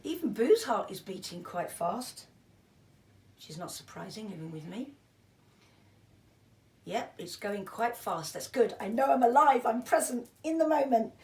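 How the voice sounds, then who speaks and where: A woman with a fairly high voice teaches breathing exercises in a chatty, self-deprecating style. She sounds encouraging and informal. The recording is echoey, with the microphone some way off. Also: lively intonation, unhurried, pauses often, a little mellow. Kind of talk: informal instructional video, chatty demonstration. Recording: roomy echo, distant microphone.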